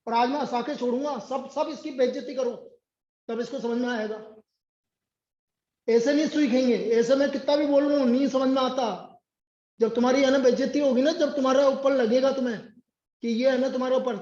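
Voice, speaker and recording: A male math tutor with a very high-pitched voice, stern and biting as he scolds a student. He is recorded in an echoey classroom on dull, muffled audio. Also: steady tone, brisk, darkish tone. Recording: echoey room, dull sound.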